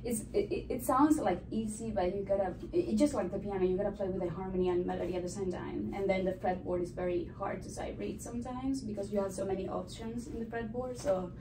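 A young Cuban woman, a classical guitarist, answers interview questions eagerly with lots of fillers. Her medium-pitched voice stays steady, and she talks fast with hardly any pauses. She sits at a stand mic in a small room with a framed map on the wall, filmed by a far camera, and the audio is roomy, distant and noisy.

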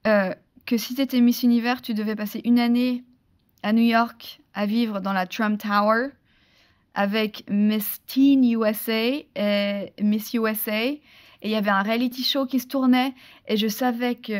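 A woman's voice: fairly high pitch, steady tone, a little slow. A woman from Switzerland, a guest telling her story in a casual interview with lots of restarts and fillers.

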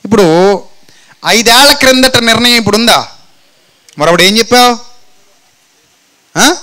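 A man preaching a sermon who asks his listeners questions and answers them himself, acting out people's words in dialogue and dropping to low, slow phrases for effect. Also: expressive, sharp tone, poor audio.

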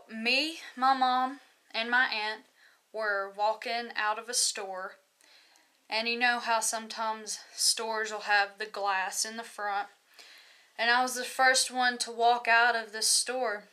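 A woman's voice: fairly high pitch, pushed and bright. A young woman, telling a personal story in a loose, rambling way, with many fillers. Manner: loose, rambling, many likes and you knows. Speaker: video host. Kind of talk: casual testimony.

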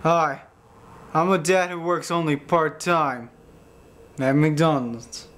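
A man's voice: fairly high pitch, takes it slowly, fairly bright tone. A young man playing a drunk, callous deadbeat dad in a surly comedy sketch testimonial. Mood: deadpan, callous. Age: young adult. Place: indoor room at home.

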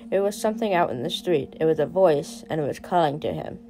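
A woman's voice: low voice, expressive, quick pace, poor audio. A woman reading a short horror story aloud, dramatic in her storytelling. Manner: dramatic storytelling, varying loudness for suspense. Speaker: storyteller and artist.

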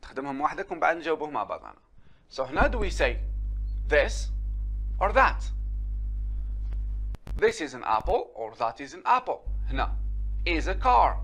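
An Algerian man teaches English words in a slightly high, very animated voice. His pitch swings widely as he models phrases and asks for repetition. He slips between Arabic and English as he explains. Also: unhurried, pauses often, husky. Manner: drills pronunciation and asks for repetition. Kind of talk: classroom lesson.

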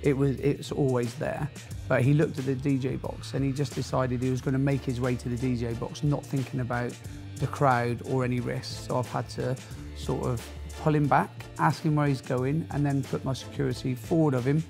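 A man's voice: mid-range voice, level tone, moderate pace, creaky, a little mellow, soft background music. A middle-aged man giving a plain, matter-of-fact account in an interview. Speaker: security manager. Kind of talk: documentary interview.

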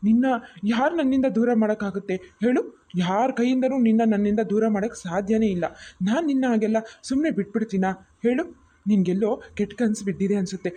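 A woman voicing a calm, caring young husband in a cartoon, who speaks in a soothing, reassuring way. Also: fairly high pitch, fast, natural voice.

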